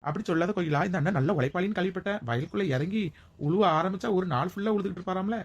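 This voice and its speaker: A woman playing a sharp-tongued village woman. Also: on the low side, racing, dull audio. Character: outspoken village woman, bold and joking. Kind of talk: village comedy skit acting.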